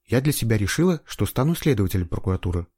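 A man's voice: fairly low pitch, big pitch swings, rapid-fire, warm tone, husky, no room sound. A man voicing an eager young female trainee investigator in an audiobook, with a raised, insistent voice. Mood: earnest. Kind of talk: audiobook reading.

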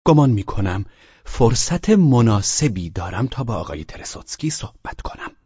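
A man voicing a bold, arrogant young man of about nineteen who speaks in a measured, haughty way in an audiobook. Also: medium pitch, big pitch swings, breathy edge, no room sound, muffled recording, voice pushed up. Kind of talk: audiobook character voice.

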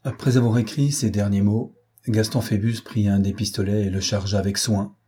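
A male audiobook narrator reading literary prose in a measured, deliberate way. His voice sits low and sounds dark and mellow, with a husky, slightly breathy texture. Each sentence is shaped with care. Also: steady tone.

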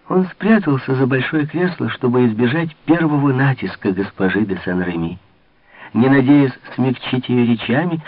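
A man narrating a classic novel in an expressive literary reading. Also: medium pitch, dry recording. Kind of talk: audiobook reading on radio. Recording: narrow phone-like old radio sound.

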